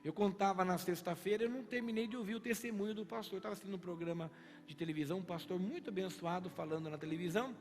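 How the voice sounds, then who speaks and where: A male pastor with a Brazilian Portuguese accent, his voice sitting high. He preaches in an animated, storytelling way and acts out the dialogue. The church sanctuary adds a long reverb, with faint music playing under him. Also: racing. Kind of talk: sermon.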